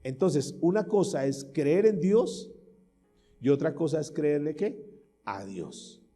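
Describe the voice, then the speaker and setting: Emphatic preaching man, dark voice. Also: on the high side, expressive, takes it slowly, faint music behind. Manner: emphatic preaching, acts out doubters and prayers, asks the audience questions. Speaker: pastor. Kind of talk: sermon.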